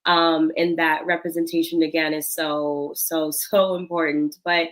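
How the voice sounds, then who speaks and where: Senegal-born woman guest talking earnest and thoughtful, kinda low voice. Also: flat delivery, a little slow, fairly bright tone, poor audio. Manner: earnest and reflective, laughs lightly. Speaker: guest, cosmetics founder. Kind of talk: interview conversation.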